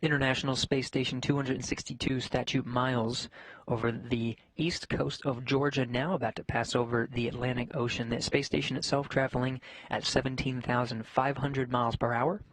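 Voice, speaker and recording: A man giving live space mission commentary in a measured, factual announcing manner. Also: mid-range voice, little pitch movement, fairly bright tone, no echo, poor audio.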